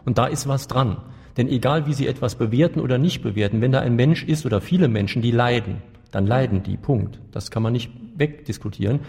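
A man's voice: medium pitch, brisk, creaky, darkish tone. Probing male interviewer, echoing hall. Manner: thoughtful, hesitant with fillers, pressing follow-ups.

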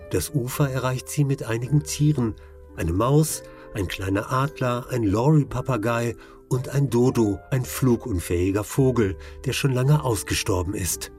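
A man narrating a scripted documentary in a measured, even way. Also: medium pitch.

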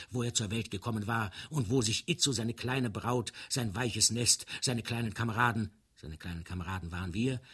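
A man's voice: on the low side, fairly bright tone, husky. A man narrating a literary story aloud in a playful, ornate storytelling manner. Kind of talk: dramatic literary reading.

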